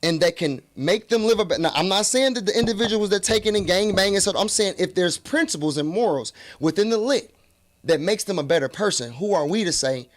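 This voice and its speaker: A man arguing forcefully on a group podcast, insisting and repeating himself to hold the floor. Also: high voice, expressive, fairly quick, dry recording. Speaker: podcast co-host. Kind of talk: heated group debate.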